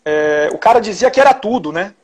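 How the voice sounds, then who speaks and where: In a casual interview, a journalist guest from Salvador, Bahia, recounts stories in Bahian Portuguese, frequently restarting and adding tag questions. His voice is high-pitched and animated, moving fairly quickly.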